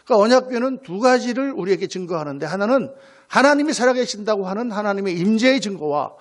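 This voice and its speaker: A man's voice: high-pitched, fast talker. A man preaching a Sunday sermon at a church service as pastor, telling stories vividly and asking rhetorical questions. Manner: animated storytelling with rhetorical questions.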